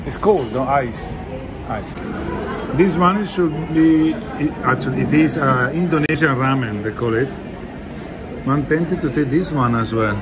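Speaking at a measured pace in a mid-range voice, this forties-aged travel vlogger tours an indoor mall and restaurant with a handheld phone at arm's length. His casual narration, in non-native English phrasing, sounds like thinking aloud amid loud crowd and mall noise.

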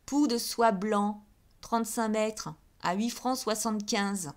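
A woman's voice: medium pitch, takes it slowly, voice pushed up, close to an everyday voice. A woman voicing an ambitious young male shop clerk who calls out in a sonorous, triumphant voice. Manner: sonorous, calling out loudly.

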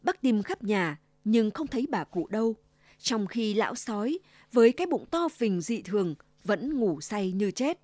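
A woman reads a fairy tale aloud in scripted storybook narration, expressive and ready to act out each character. Her voice sits at a middle pitch, close and dry with no room sound. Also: normal speed, no room sound. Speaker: storyteller for a provincial broadcaster.

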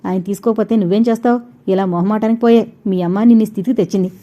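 A woman voicing a stubborn, sharp-tongued older mother-in-law in a storybook reading, blunt and scolding. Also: medium pitch, fairly even intonation, very fast, close to an everyday voice.

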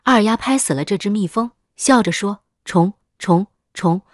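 A woman narrating a first-person horror story in a steady, matter-of-fact scripted read. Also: medium pitch, a little fast, no echo, clean studio sound.

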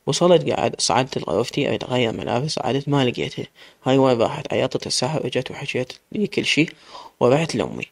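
A man with an Iraqi accent narrating a story in the first person, in a plain, steady telling. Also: mid-range voice, racing, gravelly, dry recording. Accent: Iraqi Arabic.

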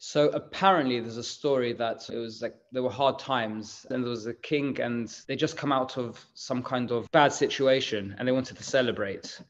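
A man's voice: mid-range voice, moderate pace, few pauses, highs cut off. A man, talking casually in an interview and explaining things in a rambling way with lots of fillers. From England. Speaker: bakery managing director.

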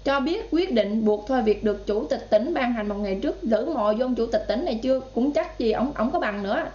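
A woman's voice: on the high side, animated, a little fast, mellow. A woman with a Southern Vietnamese accent giving political commentary in a vlog, indignant and talking straight to her viewers. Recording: roomy, slightly dull sound.

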